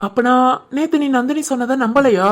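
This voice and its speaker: Young cartoon lover, southern Tamil Nadu dialect, high-ish voice, excitable and doting, as a voice artist does him. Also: brisk, close to an everyday voice. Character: eager lovestruck young man, office worker. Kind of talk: cartoon voice acting.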